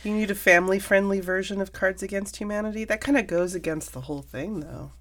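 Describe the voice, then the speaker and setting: A woman's voice: medium pitch, quick pace, fairly bright tone. A middle-aged woman co-hosting a comedy chat, with dry, wry remarks. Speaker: co-host.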